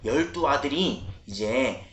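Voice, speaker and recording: A man preaching to children as a children's pastor, lively and coaxing, asking them questions. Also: mid-range voice, slow. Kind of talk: children's sermon. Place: church room. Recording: roomy church echo, faint noise.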